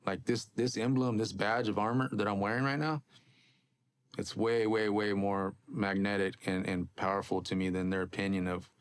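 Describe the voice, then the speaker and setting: A man's voice: lowish voice, steady tone, normal speed, clear, resonant tone. A man in a casual interview, speaking earnestly and dropping street slang.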